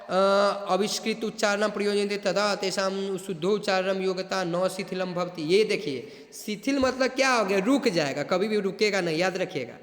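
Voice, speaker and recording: A man teaching an exam prep lesson. He reads Sanskrit questions slowly, then explains them in quick Hindi and keeps reminding students to pay attention and remember. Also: sits high. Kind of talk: exam coaching lecture. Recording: echoey room with long reverb.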